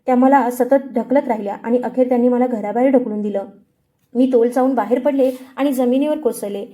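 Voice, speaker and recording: Woman with a deep, mellow narrating voice. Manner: sorrowful, earnest. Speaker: storyteller. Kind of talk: first-person dramatic story narration.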